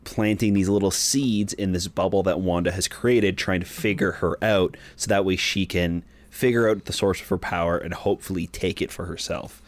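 A man's voice: sits low, steady tone, moderate pace, hardly any pauses. A man co-hosting a podcast, talking enthusiastically in casual chat, with lots of "like" fillers and restarts. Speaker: podcast co-host. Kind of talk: casual show recap chat.

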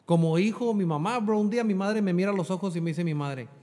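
Earnest Mexican man, fairly high voice. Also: quick pace, mellow, in a large hall. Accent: Mexican Spanish. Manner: earnest, repeats "bro" and mixes in English fillers. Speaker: guest sharing a faith testimony. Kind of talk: emotional personal testimony.

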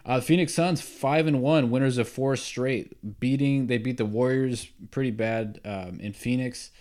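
A man's voice: medium pitch, measured pace, darkish tone. A young man hosting a sports podcast alone, talking casually and with strong opinions, full of fillers and restarts. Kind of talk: solo casual sports talk.

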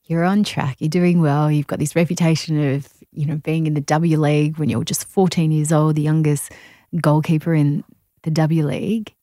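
A woman hosts the interview with a low, mellow voice, prompting her guest with engaged follow-up questions. The sound is dry and close to the mic. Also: level tone, moderate pace, no room sound. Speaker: podcast host.

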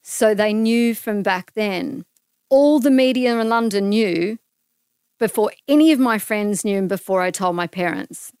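A woman's voice: mid-range voice, clean tone, no room sound, studio quality. A middle-aged Australian woman, a guest in a casual interview, telling a personal story earnestly and animatedly. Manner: earnest, animated retelling with acted-out quotes.

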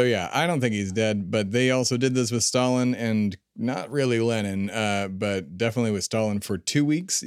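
Joking podcast man, lowish voice. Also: no room sound, clean studio sound. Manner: joking, rambling, laughs often. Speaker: podcast co-host. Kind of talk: casual podcast chat.

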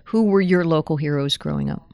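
An interviewer asking questions and reacting with warm, encouraging remarks. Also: medium pitch, a little fast, gravelly.

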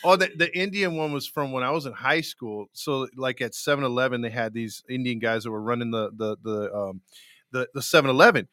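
A man's voice: mid-range voice, a little fast, bright, forceful tone, no room sound. A man co-hosting a live podcast, chatting casually, laughing often and telling stories. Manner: laughs often, tells stories with mimicked voices. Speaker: podcast co-host. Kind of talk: casual chat, putting on comic voices.

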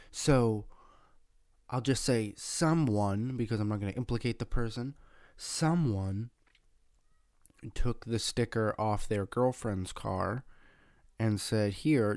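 A young man hosting a podcast, telling a personal story in a casual, swearing, animated way, acting out the quoted dialogue. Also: fairly low pitch, dry recording, clean studio sound. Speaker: podcast host.

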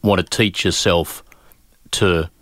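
A very deep male host who chimes in with brief questions and murmured agreement. The sound is dry and close, recorded right on the mic. He keeps things low-key and conversational. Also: fairly even intonation, slow, a bit bright, dry recording. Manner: brief prompts and backchannel murmurs. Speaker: podcast host. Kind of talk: casual interview chat.

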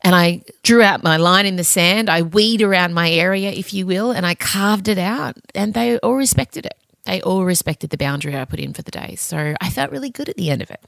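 A woman's voice: fairly low pitch, fairly quick, gravelly, fairly bright tone, no echo. A middle-aged woman hosting a podcast, talking in a candid, chatty, self-mocking confessional monologue. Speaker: podcast host.

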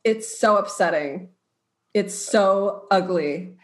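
A young woman co-hosts a podcast in easy, casual chat. She jokes a lot and pokes fun at herself. Her pitch sits in an ordinary middle range. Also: slow pace. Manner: chatty, jokey, self-deprecating. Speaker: podcast co-host.

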